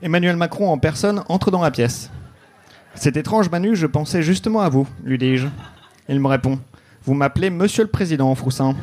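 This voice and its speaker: Deadpan man narrating a mock detective story. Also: a little high, a little hiss or hum. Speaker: comedy podcast host. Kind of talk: live comedy storytelling. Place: comedy club stage with audience. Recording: live stage recording.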